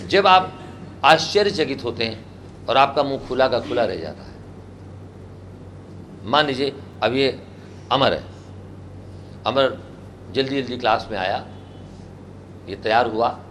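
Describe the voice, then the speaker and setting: A man's voice: mid-range voice, noisy background. A man from India teaching a spoken English class, quizzing students and drilling repetition. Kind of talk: classroom language lesson.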